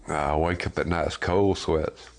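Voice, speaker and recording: A man's voice: rumbling low, fairly even intonation, unhurried. A man, speaking bluntly in a documentary interview about his life after death row. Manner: plainspoken, blunt. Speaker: exonerated death row prisoner.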